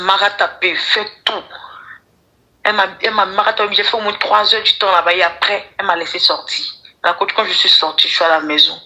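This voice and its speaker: A woman's voice: mid-range voice, sharp tone. A woman calling an advice show. She is polite and hesitant and keeps addressing the host as her coach. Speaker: caller asking for advice. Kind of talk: phone call to an advice show. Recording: tinny phone line.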